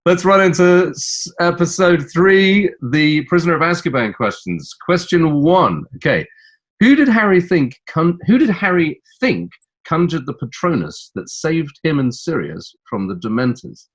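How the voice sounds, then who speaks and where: A man's voice: on the high side, sing-song, a little slow. A middle-aged man co-hosting a quiz, reading answer options with teasing relish. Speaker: quiz co-host.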